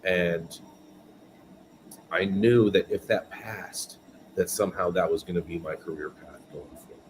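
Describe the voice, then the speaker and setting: Deep-voiced man over a noisy line. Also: fairly even intonation, a little slow. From California, USA. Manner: earnest, with filler words. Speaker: podcast guest, business owner. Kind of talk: casual interview chat.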